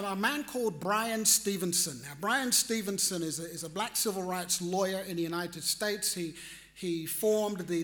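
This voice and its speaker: A man telling a personal story in a reflective, animated way, acting out his own reactions. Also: sits high. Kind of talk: storytelling talk.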